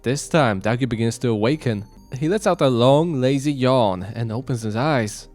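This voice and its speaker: A man's voice: medium pitch, normal speed, darkish tone, soft background music. A man hosting and narrating a visual novel read-along with a playful manner. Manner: playful, reads then breaks into jokes. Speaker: channel host and narrator.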